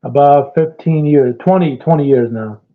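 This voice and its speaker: A man's voice: fairly high pitch, normal speed. A man from Iraq calling in to a livestream debate, talking hesitantly with restarts. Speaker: caller. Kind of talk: casual call-in debate. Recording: tinny phone-like call line.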